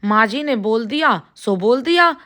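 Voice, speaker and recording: A woman voicing a spiteful, jealous young daughter-in-law in a storybook tale, speaking in a sharp, taunting way. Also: a little high, lively intonation, a little slow. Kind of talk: storybook voice acting.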